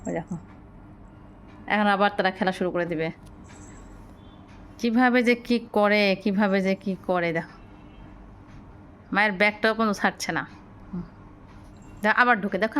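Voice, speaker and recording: A woman filming her pets at home at night, coaxing and scolding them in a lively, affectionate way. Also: mid-range voice, brisk, long pauses, slight background noise. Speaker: pet vlogger. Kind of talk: casual vlog narration.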